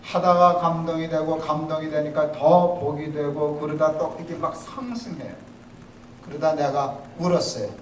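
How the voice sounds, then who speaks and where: A man, a pastor, preaching a sermon in a lively storytelling way with humor, in a church. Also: a little high, normal speed, slight background noise. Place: church sanctuary. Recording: echoey hall, mic from a distance.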